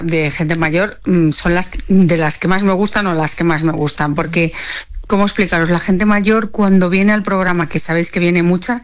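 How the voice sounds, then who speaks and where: A woman, a television producer, answering interview questions with enthusiasm and frequent repeated words. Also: on the low side.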